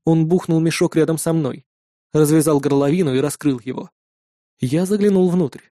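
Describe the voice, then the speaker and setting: A man reading a first-person fantasy audiobook in a calm, measured way. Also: fairly high pitch, dry recording, clean studio sound. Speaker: audiobook narrator.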